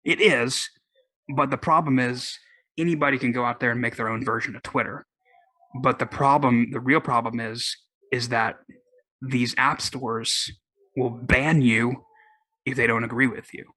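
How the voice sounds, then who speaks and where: With a medium-pitched voice that is steady, measured, pushed and bright, an Oklahoma man with a Southern US accent rambles casually on his own podcast. He restarts often and leans on fillers, and there's no echo.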